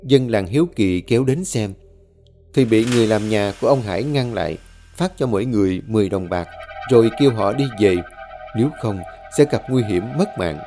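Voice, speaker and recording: A man's voice: on the low side, animated, fairly quick, warm tone. A man telling a scripted horror story with dramatic, tense delivery. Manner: dramatic, tense storytelling with rising and falling intensity. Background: faint background music.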